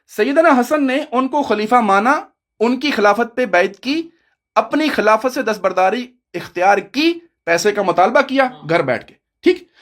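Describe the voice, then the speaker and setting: A man's voice: extremely high pitch, lively intonation, a bit bright. Man, debater, combative, lecturing, cuts in on his opponent, heated online debate.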